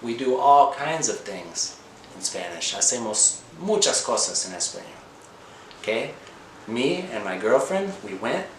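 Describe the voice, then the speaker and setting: This American teacher and channel host, originally from Indiana, has a lowish, fairly bright voice. He leads a slow lesson built on comprehensible input, repeating easy phrases, checking in with "okay?" and moving at times between Spanish and English. Background noise and echo fill the room.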